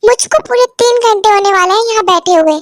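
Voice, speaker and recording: A woman's voice: very high voice, fast, no echo, clean studio sound. A woman voicing a bossy, impatient young woman who scolds and makes demands in a fan dub. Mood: fed up. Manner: imperious, scolding.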